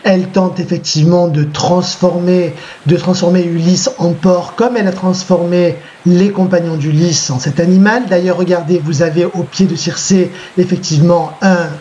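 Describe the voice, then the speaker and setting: A French man teaching a recorded class, dictating slowly, repeating himself and checking in with his pupils. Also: high voice, fairly even intonation, dark tone, a little hiss or hum. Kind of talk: recorded lesson with slides. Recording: muffled lo-fi recording.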